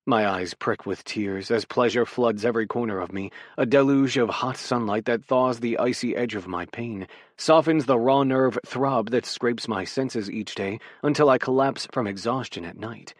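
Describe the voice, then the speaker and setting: A man narrating a romance audiobook in the first person, with an intimate, measured storytelling manner. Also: mid-range voice, no echo, studio quality.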